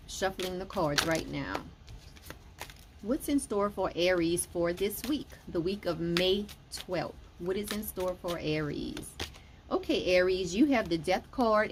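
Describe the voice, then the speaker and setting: A woman's voice: mid-range voice, slight background noise. A woman giving a casual weekly astrology and tarot forecast, explaining each point and often saying "okay" between them.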